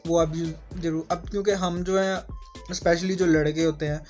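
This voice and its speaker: Man, Pakistani accent, casual vlog tips, rambling and repetitive, monotone delivery. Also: a little high, moderate pace, faint music behind. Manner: conversational, repeats himself, rambling asides. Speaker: vlogger.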